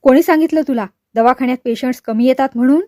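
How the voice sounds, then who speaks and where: A woman reading the lines of a stern, hot-tempered older father in a storybook, gruff and scolding. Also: on the high side, moderate pace, dry recording, clean studio sound, lightly acted. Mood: furious. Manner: gruff, scolding, shouting in anger.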